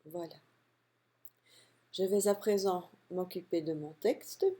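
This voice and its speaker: A woman calmly walking through a software tutorial step by step, narrating her clicks. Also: fairly low pitch. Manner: calm step-by-step explaining, unhurried. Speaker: software instructor. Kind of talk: screen-recorded software tutorial.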